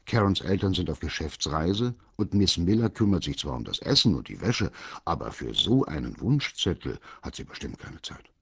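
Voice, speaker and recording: A man's voice: sits low, very animated, moderate pace, creaky, husky, no room sound, lo-fi sound, exaggerated voice. A man voicing a small, eager male teddy bear who always knows a way out. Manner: eager, confident, upbeat.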